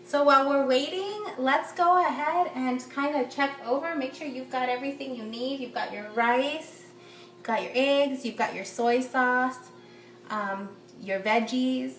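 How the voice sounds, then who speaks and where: A woman's voice: sits high, measured pace, fairly bright tone, slight background noise. A woman in her thirties from the United States, chatting upbeat with lots of ums as she hosts a live cooking demo from her home kitchen. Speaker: cooking instructor. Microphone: phone camera propped close. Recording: roomy, slightly distant phone audio.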